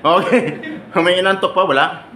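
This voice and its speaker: A man's voice: high-pitched, fairly even intonation, normal speed, crowd noise. A man giving a joking seminar talk to overseas workers, teasing and quizzing the audience and laughing often. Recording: echoey room with loud ambient noise.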